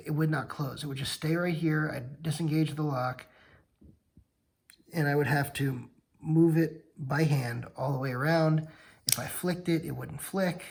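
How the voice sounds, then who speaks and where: A man's voice: on the high side, vocal fry, husky, rough recording. A tired man yawning late at night, casually demonstrating knives on his channel and often correcting himself as he rambles. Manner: rambling, self-correcting explanations. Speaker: knife channel host. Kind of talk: casual hands-on demo vlog.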